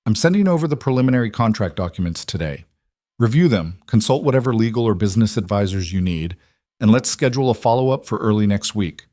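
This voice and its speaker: A brisk, professional businesswoman executive talks terms in a storybook reading, voiced by a man in a low voice close to his own. The tone stays businesslike and dry. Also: lively intonation, a little mellow, no room sound, close to an everyday voice.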